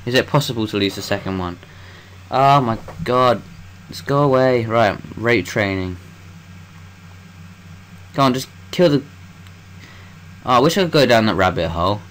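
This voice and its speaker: A man's voice: fairly low pitch, animated, normal speed, pauses often, slight background noise. A young man gives let's-play commentary, rambling to himself as he plays and swearing freely. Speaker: gameplay commentator.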